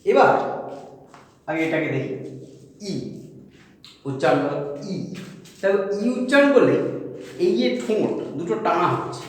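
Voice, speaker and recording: A man teaching a lesson on vowel sounds, repeating each sound slowly and checking again and again that his students follow. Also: high-pitched, big pitch swings. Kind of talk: spoken grammar lesson on vowels. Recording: very echoey room with long reverb.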